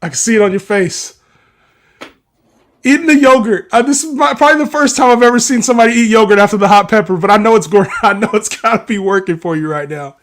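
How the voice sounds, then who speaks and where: Here the livestream co-host speaks fast, with a high-sitting, fairly bright voice. On this relaxed sports betting stream, he laughs frequently and pokes fun at his co-host.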